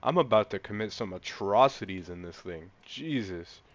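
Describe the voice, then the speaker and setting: A young man giving casual, rambling gameplay commentary, an excitable car enthusiast talking through a car he's trying out. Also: on the low side, moderate pace, highs cut off. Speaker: gaming channel host.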